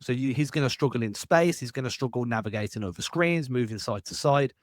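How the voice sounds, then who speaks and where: A man hosting a basketball podcast, his voice at an ordinary middle pitch. He strings long, winding questions together and breaks down plays with the odd self-mocking aside. The recording is close and dry. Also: no echo. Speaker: podcast host. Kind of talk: podcast sports analysis.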